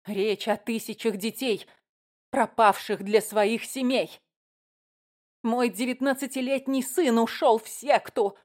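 A woman reading an audiobook, voicing a distraught middle-aged mother who shouts and sobs. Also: takes it slowly. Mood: sobbing, shouting. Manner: shrill, tearful shouting.

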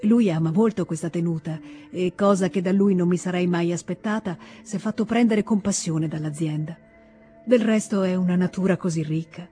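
A woman's voice: fairly low pitch, lightly acted. A woman reading an audiobook, voicing a tender young noblewoman who speaks in an earnest, confiding way. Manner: earnest, confiding, gently pleading. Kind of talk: audiobook character voice.

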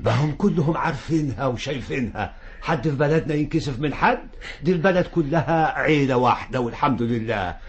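A man's voice: mid-range voice, expressive, brisk, lo-fi sound, a little hiss or hum, lightly acted. An actor playing a poor Egyptian village laborer and father, humble before the sheikh and stern at home, in a 1960s radio drama.

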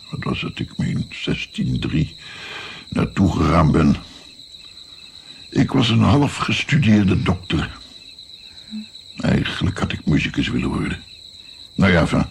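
Night crickets chirp beneath faint noise as an actor, speaking low with a darkish, gravelly and creaky tone, portrays a guilt-ridden, weary grandfather aged 76 and born in Italy. His radio-drama delivery is brooding and full of pauses.

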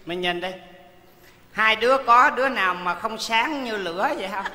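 A penniless male folk-opera actor who teases and scolds his partner, speaking. His voice is very high and very bright. The sound echoes through a large hall on a stage recording. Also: moderate pace, slight background noise. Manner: teasing, exasperated, loud and playful. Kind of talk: stage comedy sketch.

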